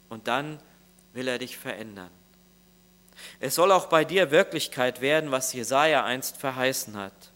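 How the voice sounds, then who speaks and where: A man's voice: mid-range voice, fairly bright tone. A man preaching a sermon as pastor, earnest and speaking straight to each listener. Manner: earnest, addresses listeners directly.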